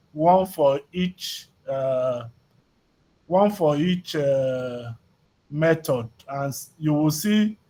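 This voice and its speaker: A middle-aged man teaching a university class, speaking haltingly and calling on students by name. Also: fairly high pitch. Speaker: lecturer.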